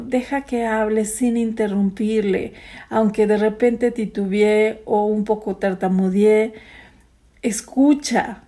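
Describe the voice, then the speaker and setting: A woman gives calm, reflective parenting advice and speaks straight to the listener. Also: on the high side.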